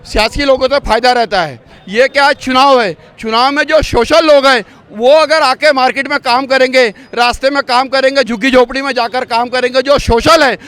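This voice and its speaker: A man's voice: very high-pitched, fairly even intonation, normal speed, few pauses, fairly bright tone, clear, resonant tone. A man being interviewed on a city street, arguing his political case and firing off rhetorical questions. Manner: argumentative, piles up rhetorical questions. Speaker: local voter interviewed on the street.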